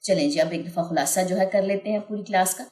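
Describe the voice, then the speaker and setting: A woman teaching recitation rules who explains each point, then stretches the syllables out slowly to model them. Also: medium pitch, darkish tone. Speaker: Quran tajweed teacher. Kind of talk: recorded online lesson. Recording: roomy echo.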